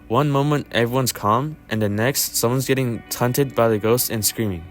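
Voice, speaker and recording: A man's voice: medium pitch, normal speed. Man narrating a game review over music. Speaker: video game reviewer and host.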